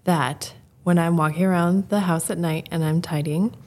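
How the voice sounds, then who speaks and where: A woman's voice: fairly low pitch, fairly even intonation, moderate pace, a little mellow, a little hiss or hum. A tired woman co-hosting a casual chat, candid and playful as she shares stories and asks questions. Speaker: podcast co-host. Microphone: studio microphone.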